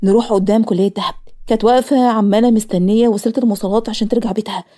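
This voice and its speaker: A woman with an Egyptian accent narrating a cartoon story, moving quickly between scenes. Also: mid-range voice, steady tone, mellow.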